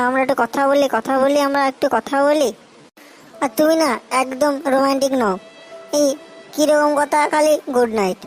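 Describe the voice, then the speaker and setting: A high-voiced, melodramatic young boyfriend, played by a woman in a comedy sketch. He pleads for attention and sinks into self-pitying laments. His talk is sulky and theatrical. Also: natural voice, rough recording. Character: lovesick young male boyfriend, whiny and melodramatic.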